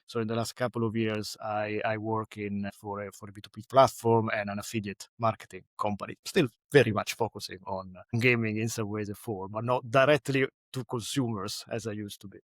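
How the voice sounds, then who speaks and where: A man with a clear Italian accent speaks at a mid pitch, friendly and hesitant, often restarting his phrases. The podcast interview sound is dry and close to the mic. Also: steady tone, fairly quick, hardly any pauses, no room sound. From Italy. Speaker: guest, games company CFO.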